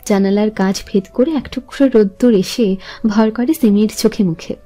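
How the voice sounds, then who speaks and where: A woman storyteller reading a romance in a smooth, even narrating voice. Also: mid-range voice, moderate pace, soft background music.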